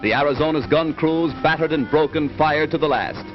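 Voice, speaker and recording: A man's voice: a little high, fairly quick. A man narrating a 1940s newsreel in an emphatic, rousing, declamatory style, on an old newsreel soundtrack. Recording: dull lo-fi 1940s film sound with music. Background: music.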